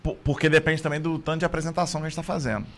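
A man's voice: fairly high pitch, fairly even intonation, rapid-fire. Comedian guy, chatty and thoughtful, explains stuff at length. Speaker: stand-up comedian. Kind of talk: casual chat.

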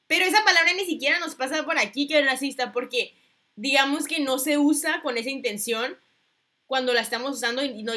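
Bright soft-spoken young woman. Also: fairly high pitch. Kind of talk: casual reflective chat.

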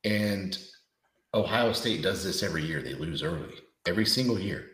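A man's voice: low voice, lively intonation, fairly bright tone, distant mic. A man co-hosting a podcast, steering the casual sports chat and prompting the others. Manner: steers the talk, quick to agree and prompt. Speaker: podcast co-host. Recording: roomy sound.

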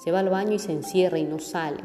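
A woman narrating a literary audiobook in a measured, even reading. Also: lowish voice. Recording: reverberant room with faint music.

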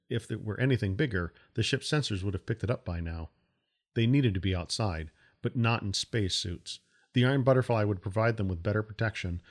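A man, the author, narrating his own science-fiction audiobook in a steady storytelling manner. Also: fairly low pitch.

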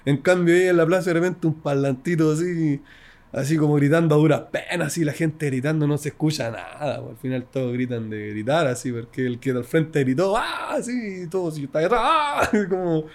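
A young Chilean rapper talks in a loose, slangy way, full of local expressions, and now and then he imitates the crowd with shouts. His voice sits somewhat higher than most men's. It sounds like a relaxed interview conversation. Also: fairly quick. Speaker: freestyle rapper guest. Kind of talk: casual interview chat.

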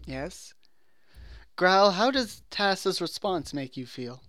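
Stern English male therapist, played by a man, raised pitch, dry close sound. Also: lively intonation, a bit bright, no echo, heavily acted. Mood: probing. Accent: put-on British. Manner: formal, measured questioning.

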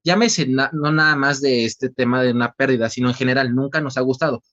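A man's voice: mid-range voice, fairly even intonation, brisk, a bit bright. Mexican guy hosting, long rambly questions, kinda muffled audio. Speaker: interview host. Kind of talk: casual podcast interview. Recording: slightly dull lo-fi sound.

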